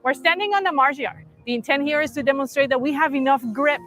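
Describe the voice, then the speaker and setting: A woman's voice: high voice, fast, fairly bright tone, soft background music. A woman from Colombia with a Colombian Spanish accent, Spanish being her first language, explaining her robotics work with earnest enthusiasm in a documentary interview. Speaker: robotics engineer.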